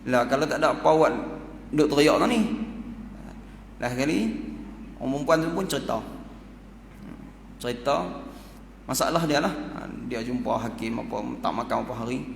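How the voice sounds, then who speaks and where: Casting: male preacher, northern Malay Kedah accent, lively storyteller, live in a reverberant mosque hall. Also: moderate pace, creaky, long pauses, a little hiss or hum. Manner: animated, acts out characters' lines in shifting pitch. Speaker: ustaz giving a Ramadan talk. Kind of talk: storytelling sermon.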